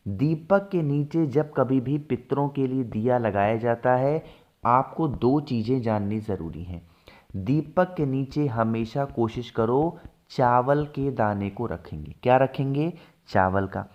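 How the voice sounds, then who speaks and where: A man teaches devotional rituals at an ordinary middle pitch, moving step by step. He often asks his listeners a question and answers it himself, slowing down on the key instructions. The recording sounds slightly muffled. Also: expressive. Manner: slows down to stress steps.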